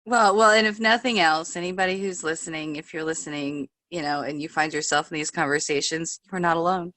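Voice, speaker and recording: Affirming low-voiced woman co-host. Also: fairly even intonation, brisk, no echo. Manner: affirming, thoughtful, with soft laughs and fillers. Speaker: podcast co-host, healer. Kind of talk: casual spiritual conversation.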